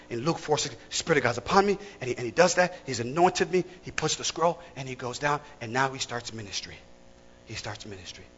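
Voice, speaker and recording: High-voiced preacher in a reverberant hall. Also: male voice, fairly bright tone, slightly rough, lo-fi sound. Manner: rising to emphatic repeated lines. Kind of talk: sermon.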